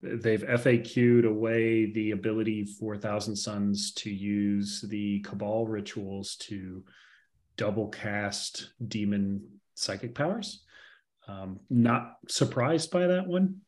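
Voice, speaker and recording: A man's voice: lowish voice, fairly even intonation, slow, a little mellow. Rambling man in casual gaming chat. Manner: rambling, heavy on fillers and restarts. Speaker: podcast co-host.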